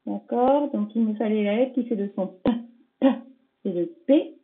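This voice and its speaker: A woman's voice: medium pitch, moderate pace. A woman primary school teacher correcting a dictation for young pupils, patiently sounding out each word syllable by syllable and checking in with them. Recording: tinny phone-like audio.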